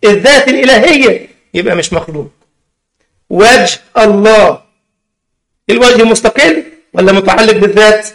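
A man with an Egyptian accent giving a religious lesson in a mosque. He keeps asking his listeners questions and draws out key words slowly. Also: high voice. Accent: Egyptian Arabic. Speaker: religious teacher. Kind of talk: mosque lesson in plain colloquial speech.

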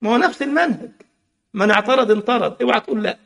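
High gravelly Egyptian preacher. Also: male voice, rapid-fire, fairly bright tone. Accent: Egyptian Arabic. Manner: impassioned, rhetorical questions, mocking asides. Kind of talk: sermon.

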